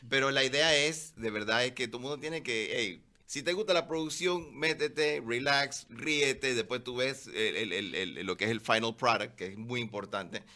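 Guy in an interview, bright voice, keeps restarting and going "no?". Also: medium pitch, normal speed, few pauses. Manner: rambling, many restarts and tag questions. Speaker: filmmaker being interviewed. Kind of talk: casual interview talk.

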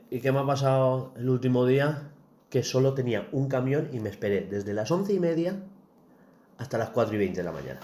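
A man from swaps animated, swear-laden stories about his job in a loose chat among friends. His voice sits at a middling pitch. The room around him rings with echo. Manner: animated storytelling, swears freely. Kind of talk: casual chat. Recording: roomy echo.

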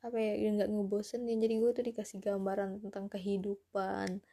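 Casting: female podcaster, twenties, warm dark tone, soft-edged delivery, loose and self-deprecating solo chat. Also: medium pitch, level tone, a little fast. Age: 20s. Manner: rambling, self-deprecating, often chuckling to herself. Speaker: podcast host.

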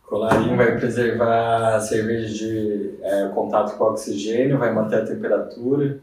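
A man, a brewer and guest on a podcast, telling stories in slangy, animated casual chat. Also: fairly low pitch, moderate pace. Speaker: brewmaster guest. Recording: echoey room from far off.

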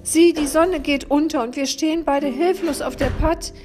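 A woman's voice: sits high, fairly even intonation, normal speed, dark tone, soft background music, voice pushed up, lightly acted. A woman voicing a remorseful, half-blind gnu in a storybook reading, with a wailing, plaintive manner. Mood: lamenting.

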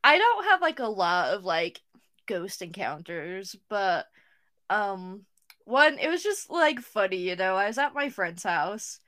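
A woman's voice: medium pitch, a bit bright. A young woman co-hosting a podcast, chatting casually, saying "like" constantly and swearing now and then. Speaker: podcast co-host. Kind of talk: casual chat.

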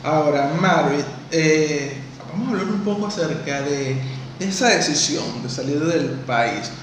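A man's voice: on the high side, measured pace. A man from Venezuela hosting a podcast interview, chatting in a friendly, conversational way. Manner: friendly, conversational, asks long questions. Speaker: podcast host. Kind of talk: casual interview. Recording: roomy distant echo, faint noise.

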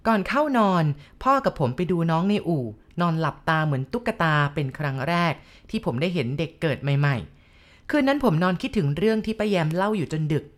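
A woman giving a calm, measured scripted narration of a ghost story. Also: on the low side.

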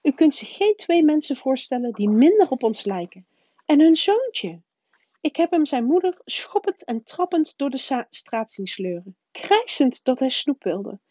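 A woman reading aloud voices a stern older female professor who talks in a high, urgent, faltering way. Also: sing-song, measured pace, mellow, no room sound, full character voice. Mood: indignant. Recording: dull, dry lo-fi recording.

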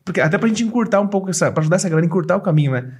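A man's voice: high-pitched, animated, rapid-fire, darkish tone, husky. A man hosting a casual podcast interview, chatty and eager, laughing along with his guest. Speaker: podcast host.

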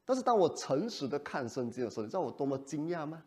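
Man, pastor, sermon, fairly high voice, rhetorical questions. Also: fast. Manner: animated, asks the congregation rhetorical questions.

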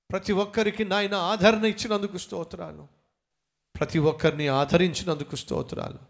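Impassioned higher-voiced male preacher. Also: vocal fry. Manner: impassioned, repetitive cadence, slow stressed phrases. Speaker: pastor. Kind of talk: sermon and closing prayer.

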